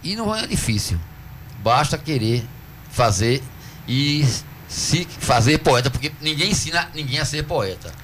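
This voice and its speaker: A man from Northeast Brazil with a Northeastern accent, a cordel poet answering interview questions in a radio studio, earnest and teacherly, slowing down to stress syllables. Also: on the high side, very animated, a bit bright, a little hiss or hum. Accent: Northeastern Brazilian Portuguese. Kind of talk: radio interview, explaining at length.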